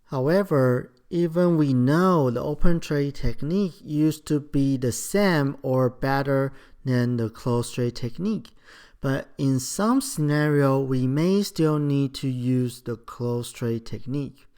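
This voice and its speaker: Slow, steady lecturer walking students through clinical technique. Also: mid-range voice, clear, resonant tone. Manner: measured, explanatory, slightly non-native phrasing. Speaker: dental school lecturer. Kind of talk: recorded lecture.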